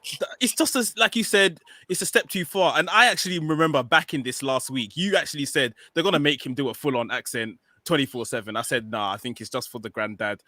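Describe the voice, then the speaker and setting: British male co-host, bright and animated, dry close mic. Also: a little high, no echo. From Nigerian heritage, raised in Britain. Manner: animated, fast restarts and repeats. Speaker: podcast co-host. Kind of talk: casual chat.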